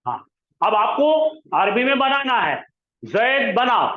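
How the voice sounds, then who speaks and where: In an extremely high, sing-song voice, slowly, a male teacher of Arabic grammar urges his students to repeat words aloud during class. The recording sounds muffled, low-fidelity and roomy.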